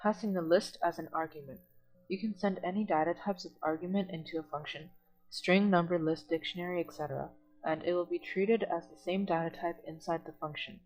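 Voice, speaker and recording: A tutor leads an online coding lesson, reading documentation aloud and then restating it in plain words. The voice sits in a middle register and moves at a patient, step-by-step pace. Faint music plays softly underneath. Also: mid-range voice, fairly even intonation, fairly quick, low-quality recording.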